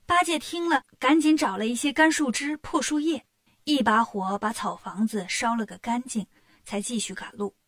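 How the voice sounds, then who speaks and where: A woman narrating a children's story in a lively, expressive way. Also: a little high, moderate pace, no room sound, clean studio sound.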